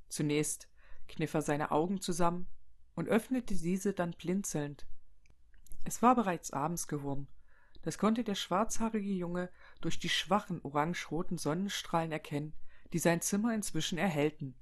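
A calm narrator reads a story aloud, steady and even, at a middle pitch. The narration sets the scenes and carries the voiced dialogue. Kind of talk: reading a fan story aloud.

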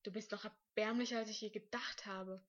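A woman's voice: mid-range voice, steady tone, a little fast, dull audio, close to an everyday voice. A woman voicing an aloof young man who speaks dryly and coldly. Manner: dry, cold, matter-of-fact. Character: cool, aloof young man, dry and detached.

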